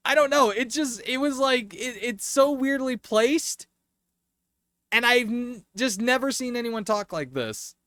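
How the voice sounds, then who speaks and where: Excitable man reacting to a game. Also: very high voice, a little slow, no echo, clean studio sound. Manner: excitable, incredulous, rambling. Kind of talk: let's-play commentary.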